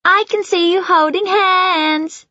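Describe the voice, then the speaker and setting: A shrill, indignant little girl. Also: steady tone, slow pace, dry recording, highs cut off, heavily acted. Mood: teasing. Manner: sing-song, high and shouty.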